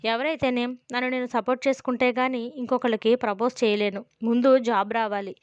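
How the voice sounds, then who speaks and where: A woman's voice: a little high, flat delivery, brisk, smooth, no room sound, lightly acted. A woman reading the part of a shy, earnest young man who gets flustered easily. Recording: dull, dry lo-fi recording.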